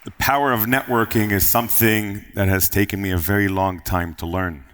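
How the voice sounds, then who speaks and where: A man's voice: fairly low pitch, fairly even intonation, brisk, a bit bright. A man giving a motivational keynote talk at a live event, earnest and emphatic, stacking lists of points. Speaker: keynote speaker. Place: event hall on stage. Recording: long hall reverb.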